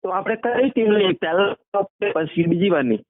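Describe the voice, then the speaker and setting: In a relaxed phone interview, a male singer and band owner from Gujarat, India, speaks in a high voice with lively intonation at a moderate pace. The audio is a tinny narrowband phone line without echo.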